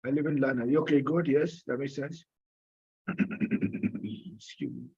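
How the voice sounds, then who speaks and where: A man's voice: medium pitch, slow, creaky, mellow, slightly rough, dull audio. A man teaching an online French class, patiently coaxing students for answers, with many fillers and coughs. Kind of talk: live online class lecture.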